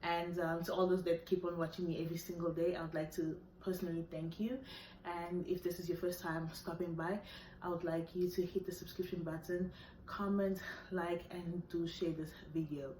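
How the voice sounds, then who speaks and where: A woman's voice: fairly low pitch, little pitch movement, normal speed, a little mellow. Earnest young woman vlogging. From South Africa. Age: 20s. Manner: earnest, hesitant with many fillers. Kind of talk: personal talk to camera. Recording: echoey room, faint background noise.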